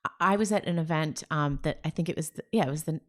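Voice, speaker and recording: Speaking quickly in a low voice, this New Jersey woman in her forties chats as an interview guest. She founded a story salon, and her casual talk comes across as animated and enthusiastic.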